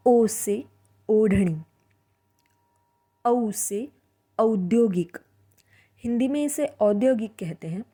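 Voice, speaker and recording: Slow, mellow woman teaching a language. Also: mid-range voice. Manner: slow and deliberate, drawing out example words. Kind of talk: slow spoken language lesson.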